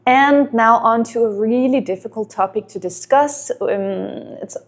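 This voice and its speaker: A Danish woman in her thirties, a native speaker, talks to camera in a slightly high, slightly slow voice. She offers earnest relationship advice and asks lots of rhetorical questions.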